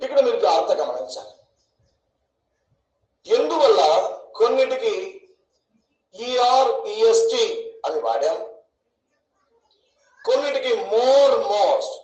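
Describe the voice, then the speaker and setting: Taking it slowly with long pauses, a man with a very high, sing-song, darkish voice teaches English grammar online. He asks and answers his own questions and elongates words syllable by syllable in an echoey room.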